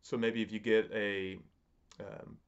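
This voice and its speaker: A man in his thirties giving a casual, unscripted review in a halting, musing way, often rephrasing himself, recorded at a desk in a home study. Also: fairly low pitch, flat delivery, clear, resonant tone, highs cut off. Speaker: pipe tobacco reviewer.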